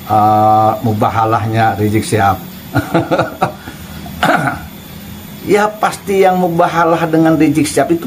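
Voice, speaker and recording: A man's voice: medium pitch, a little hiss or hum, rough recording. A man hosting an online commentary, mocking and chuckling as he talks to an absent figure. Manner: mocking, chuckles between remarks, addresses absent figure directly. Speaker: commentary channel host.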